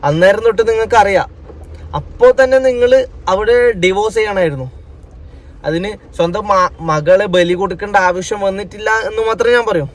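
Speaking with a Kerala Malayalam accent, a man delivers unscripted opinion commentary on the news straight to camera. His voice sits high and runs fairly quick as he admonishes people directly, repeating his points.

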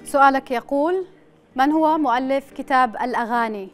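Female quiz show host, Yemeni accent, high voice, playful and chatty with callers, light music underneath. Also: fairly quick. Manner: playful, teasing banter with callers. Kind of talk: chatty live game show presenting with callers.

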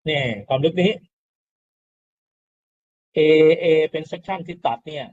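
Middle-aged male lecturer, patient and explanatory, fairly high voice, dull lo-fi classroom recording. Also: slow pace. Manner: explanatory, repeats key terms, rhetorical questions to students. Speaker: university lecturer. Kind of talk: classroom lecture on soil mechanics.

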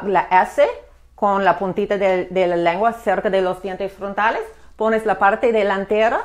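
A woman gives a live beginners' language lesson at a slow, unhurried pace. She explains patiently, often restarting and filling pauses as she goes. Her voice sits in a middle pitch. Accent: American English accent in the English words. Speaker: English teacher.

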